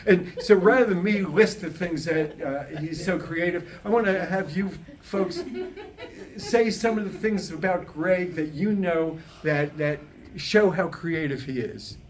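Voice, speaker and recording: A man aged 60 or older introduces a show as master of ceremonies, speaking from a podium to a small live audience. He's folksy and humorous, keeping things informal and chatting with the crowd, his high-pitched voice unhurried.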